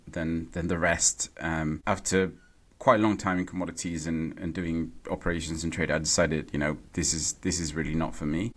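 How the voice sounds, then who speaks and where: Low-voiced guy from mexico on a podcast, stops and repeats himself a lot. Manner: halting, repeats words while thinking. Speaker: podcast guest, renewable energy CEO. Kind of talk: casual interview conversation. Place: home or office in London.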